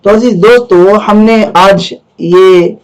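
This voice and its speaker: A man teaches an exam-prep lesson. His voice sits high, and he explains each answer at length, going back over the key terms. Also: slow, clear, resonant tone, poor audio.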